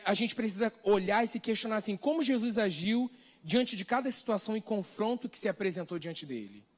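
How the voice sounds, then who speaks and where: A man with a Brazilian accent preaching a sermon, earnest and full of repeated rhetorical questions. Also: high voice. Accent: Brazilian Portuguese. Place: church hall, live stream.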